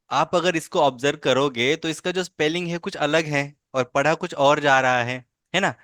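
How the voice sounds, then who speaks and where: A man gives an online lesson to a child in a patient, coaxing way. He keeps asking short checking questions to bring the pupil along. His mid-pitched voice comes through a dry video-call sound with no room echo. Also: fairly bright tone, clear, resonant tone. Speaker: language teacher.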